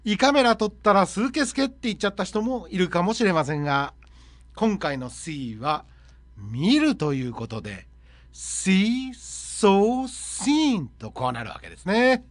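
Playful slow-talking radio host. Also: mid-range voice, sing-song, dry recording. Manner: playful punning, jumping between voices. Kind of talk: comic radio segment.

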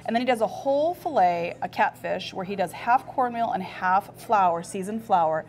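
A woman's voice: mid-range voice, lively intonation, moderate pace, a little mellow, slight background noise. A young woman co-hosting a restaurant show, chatting with bubbly enthusiasm and frequent laughs. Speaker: food show co-host. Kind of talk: casual food-show chat.

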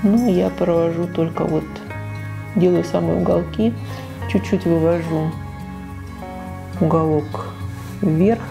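Slow and gravelly, a fairly low woman's voice keeps a fairly even intonation and leaves long pauses, all over music. She's a beauty vlogger in her forties speaking frankly about her makeup to camera in a small living room on a lapel mic, with many fillers and self-corrections.

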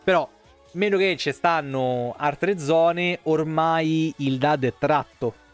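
Speaking slowly in a slightly high voice, a Roman-accented streamer in his thirties rambles through casual livestream commentary with faint music in the background. He swears freely and expressively into a close desk mic from a small room at home.

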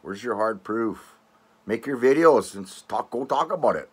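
A man's voice: mid-range voice, lively intonation, moderate pace, husky. An older man from Canada hosting his own channel, ranting at viewers with sarcastic, mocking scorn, rambling with restarts and tag questions like "eh" and "all right". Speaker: channel host.

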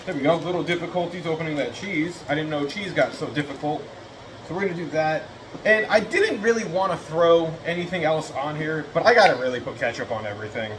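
A home cooking vlogger in his thirties chats casually to a camera fixed across the counter in his echoey home kitchen, rambling and self-deprecating as he cooks and taste-tests. His voice is a little high, with background noise.

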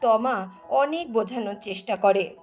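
A woman narrating a scripted family story in a steady storytelling manner. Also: fairly high pitch, a little slow. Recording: faint background music.

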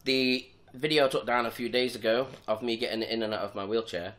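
A man's voice: mid-range voice, fairly quick. Casual young man. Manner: relaxed, rambling, with fillers and restarts. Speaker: vlogger. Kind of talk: casual vlog chat.

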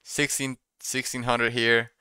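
Young man, crisp voice, dry close recording, casual streamer commentary, repeats himself. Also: medium pitch, level tone, takes it slowly, bright, forceful tone, no echo. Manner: repeats phrases while musing to himself. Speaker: day trader streaming live. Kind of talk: casual live trading commentary, thinking out loud. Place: small room indoors at a computer desk.

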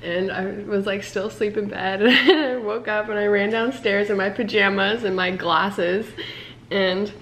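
A woman's voice: mid-range voice, steady tone, measured pace, a bit bright, slight background noise. A young woman chatting casually in a vlog, giggling often between lines. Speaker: vlogger.

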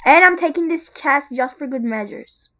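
A gamer giving casual let's-play commentary, excitedly calling out to teammates. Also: high-pitched, normal speed, dull audio. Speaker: gamer playing with friends.

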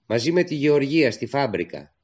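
A man voicing an eager, spirited young woman resistance worker who asks quick, insistent questions, on a dull lo-fi recording. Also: medium pitch, big pitch swings, darkish tone, voice pushed up. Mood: teasing.

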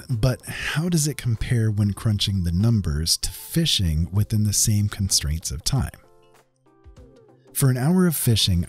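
Over faint background music, a man with a fairly low, darkish voice and a breathy edge narrates a gaming video. He walks through things step by step in a semi-scripted voice-over style.

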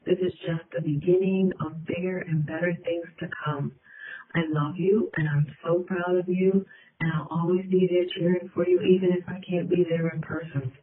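A woman's voice: lowish voice, steady tone, moderate pace, slight background noise. Effusive woman on a tinny recording. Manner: affectionate and effusive, cheering. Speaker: family member sending a recorded message. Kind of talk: heartfelt recorded video message. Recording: tinny phone-like audio.

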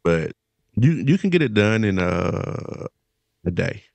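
A man's voice: on the low side, sing-song, slow pace, creaky, a little mellow, dry recording. A man hosting a podcast in casual chat, joking and laughing as he moves things along.

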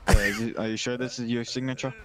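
A man's voice: mid-range voice, steady tone, fast. A man casually improvising as a police deputy in an online role-play game.

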